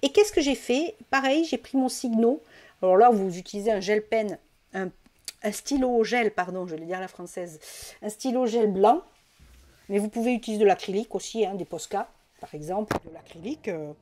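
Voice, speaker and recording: A woman's voice: mid-range voice, lively intonation, fairly quick, a little mellow. Chatty woman demonstrating coloring, hesitant. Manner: chatty, hesitant, many fillers and self-corrections. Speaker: coloring tutorial host. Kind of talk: casual step-by-step craft demonstration. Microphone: desk mic.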